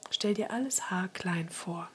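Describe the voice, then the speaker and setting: A woman guiding a relaxation meditation in a soft, soothing spa-like whisper, breathy and husky. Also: on the low side, a little slow, slight background noise. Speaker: relaxation exercise guide.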